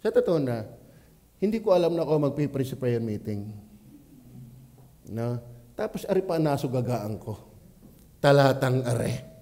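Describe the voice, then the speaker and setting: A man with a Batangas accent, a pastor preaching at a church prayer meeting, swinging from quiet asides to loud exclamations. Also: medium pitch, big pitch swings, a little slow, long pauses. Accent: Filipino, Batangas.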